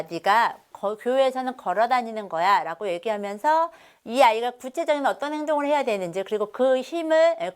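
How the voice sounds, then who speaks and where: A middle-aged woman giving a parenting seminar lecture, telling stories from her own home and acting out what she and her children said. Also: fairly high pitch.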